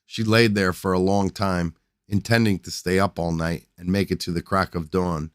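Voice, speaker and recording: Deep-voiced man narrating a dark story. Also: no echo, clean studio sound. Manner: steady, measured reading with small slips. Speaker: podcast host and story reader. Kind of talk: scripted short story narration.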